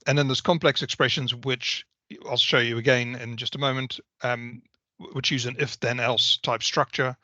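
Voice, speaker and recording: On a video call, a male software presenter delivers a technical product walkthrough in a methodical, explanatory way. His mid-range voice is bright and forceful, and it sounds dry and close. The call audio comes across as a little dull and lo-fi.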